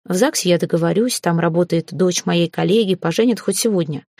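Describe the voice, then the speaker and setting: A woman reading an audiobook, voicing a sly, calm middle-aged father who talks slowly and without hurry. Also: fairly low pitch, no echo, clean studio sound.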